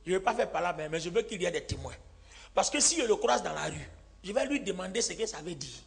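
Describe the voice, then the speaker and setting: A man's voice: high-pitched, quick pace, creaky. A male pastor telling a story in a sermon, acting out the lines of the people in it and laughing often, recorded live in a reverberant hall. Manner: animated, acts out quoted lines, laughs often. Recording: live hall with long reverb and faint music.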